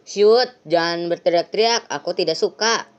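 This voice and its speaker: A sinister gift-giving night visitor, played by a woman, talking in a calm, cold, menacing way. The voice sits fairly low. The sound is dull and lo-fi. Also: moderate pace, clear, resonant tone, natural voice. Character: sinister Santa-like night visitor who takes body parts.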